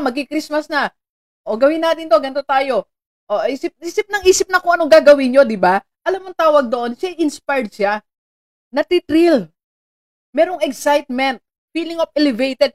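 A Filipino woman hosting a live-streamed motivational talk, chatty and animated, laughing often and greeting viewers by name. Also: sits high. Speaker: motivational host.

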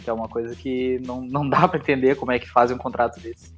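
Gaúcho guy, medium pitch, casual football chat with music behind. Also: level tone, quick pace. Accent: southern Brazilian, gaúcho. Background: music under the talk.

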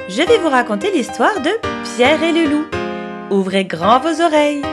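Storyteller woman, children's tale, high voice, very lively melody. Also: normal speed, music in the background. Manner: animated, storybook intonation. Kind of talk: expressive children's story narration.

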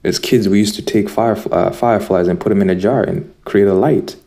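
A man's voice: lowish voice, fairly even intonation, a little fast, warm tone. A man from Zimbabwe giving an earnest, preachy spiritual monologue straight to his listeners. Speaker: spiritual vlogger.

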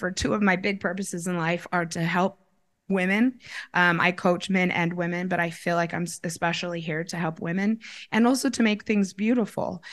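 A woman's voice: on the low side, fairly bright tone. A woman hosting an upbeat advice vlog, coaching listeners directly in an encouraging, orderly, step-by-step way. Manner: encouraging, tidy step-by-step delivery. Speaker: relationship coach and show host.

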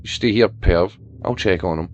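A man's voice: low-pitched, normal speed, lo-fi sound, a little hiss or hum, voice pushed down, natural voice. A man growling as a scornful menacing girl. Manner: growling, mocking. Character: foul-mouthed scornful menacing young girl.

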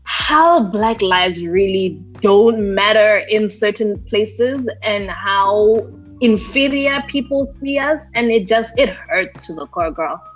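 Expressive woman from Botswana, podcast co-host, casual chat, dull recording. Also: medium pitch, slow pace, faint music behind. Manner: animated, expressive storytelling.

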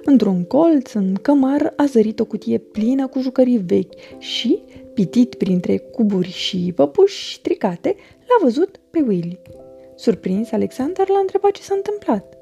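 A woman narrating a children's storybook with a gentle, expressive reading. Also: a little high, gravelly, faint music behind.

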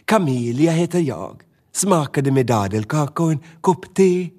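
A man voicing a gentle, cheerful female camel in a children's storybook, warm and unhurried. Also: a little high, animated, pitched above the performer's own voice. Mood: friendly. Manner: warm, slow and welcoming.

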